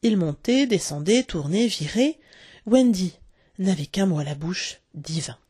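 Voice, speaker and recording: A woman's voice: on the low side, expressive, measured pace, warm tone, husky, no echo, studio quality. A woman reading a children's story aloud, telling it expressively and acting out the characters. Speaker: narrator.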